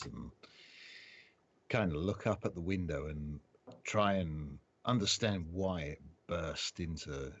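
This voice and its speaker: A man playing a tabletop game, describing his actions slowly and hesitantly, on dry, dull lo-fi audio. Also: deep voice, a bit bright, breathy edge, dry recording. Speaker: player.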